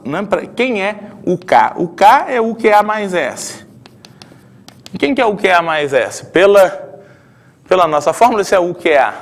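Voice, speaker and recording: A middle-aged man with a Brazilian Portuguese accent, a math professor working through a proof and checking in with tag questions. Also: on the high side. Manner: explanatory, frequent tag questions, thinking aloud at the board. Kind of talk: blackboard math lecture.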